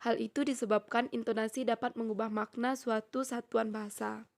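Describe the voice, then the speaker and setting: A young woman presents a grammar lesson, reading a prepared text at a steady, measured pace. Her voice sits a little high, and she slows down to spell out each example sentence. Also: gravelly. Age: young adult. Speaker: student presenter. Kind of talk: reading a prepared lecture on syntax.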